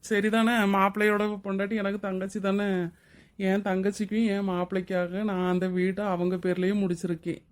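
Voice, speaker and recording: Played by a woman, a generous middle-aged husband in a cartoon speaks with a level, even tone. He talks in a warm, steady, reassuring way to his wife and her brother. His pitch stays flat and mid-range. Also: a little fast, lightly acted. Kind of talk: Tamil cartoon drama voice acting.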